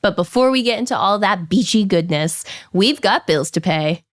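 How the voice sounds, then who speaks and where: A woman hosting a business podcast, her voice raspy from a cold, chatty and quick to laugh. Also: mid-range voice, lively intonation, dry recording, clean studio sound. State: has a cold. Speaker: podcast host. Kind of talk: casual podcast chat.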